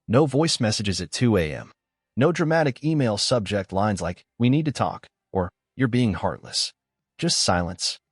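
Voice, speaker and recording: A man narrating a first-person story in a calm, measured, scripted way. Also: fairly low pitch, husky, no room sound, studio quality.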